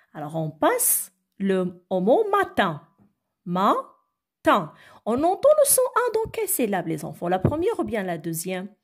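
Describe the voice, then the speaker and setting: A woman's voice: mid-range voice, breathy edge. A woman teaching a phonics lesson to young schoolchildren, patiently spelling out letters and checking in with them often. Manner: slow, patient, repeats "d'accord?" and sounds letters out. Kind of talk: recorded phonics lesson for children.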